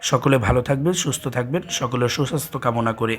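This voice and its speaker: A man with a Bangladeshi accent teaching a Quran reading lesson, sounding out letter pairs slowly and repeating each drill. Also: medium pitch, fairly even intonation, breathy edge. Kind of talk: slow recitation lesson with drills.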